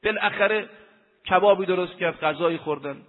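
High-voiced preacher in a tinny echoing hall. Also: male voice. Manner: emphatic, slowly chanting Arabic quotations. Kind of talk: sermon. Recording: tinny lo-fi recording in an echoey hall.

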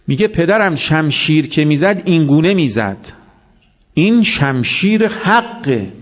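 A man giving a religious sermon, telling stories and acting out the dialogue in lively voices. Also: on the high side, dull audio. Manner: animated storytelling, acting out dialogue. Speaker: preacher.

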